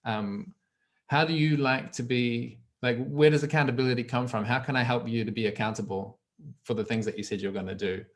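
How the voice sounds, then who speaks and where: A man's voice: medium pitch, fairly even intonation, fairly quick. Kiwi guy on a video call, trainer, rambles and restarts his sentences. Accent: New Zealand. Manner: meandering, restarts phrases as he thinks. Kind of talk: casual explanation on a group call.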